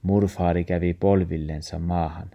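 A man reading a children's story aloud in a calm, even manner. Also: sits low, creaky, highs cut off. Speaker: narrator.

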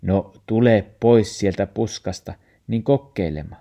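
A man reading a storybook, playing a kind, reassuring grandfather who coaxes gently in dialect. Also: mid-range voice, animated, vocal fry, pitched above the performer's own voice. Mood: coaxing. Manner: warm coaxing dialect speech.

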